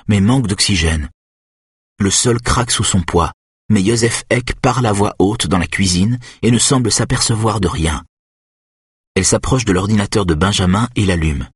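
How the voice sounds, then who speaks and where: Male narrator, husky, lowish voice, dry studio sound, steady thriller reading. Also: no echo. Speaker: audiobook narrator.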